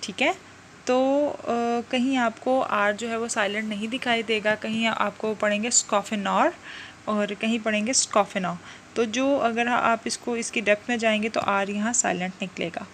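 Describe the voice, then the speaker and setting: A woman teacher lecturing on literary theory, slowly and carefully over English quotes. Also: fairly high pitch, fairly even intonation, a bit bright, a little hiss or hum, low-quality recording. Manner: explains in a mix of Hindi-Urdu and English, slow over English quotes. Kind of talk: lecture explaining a literary text.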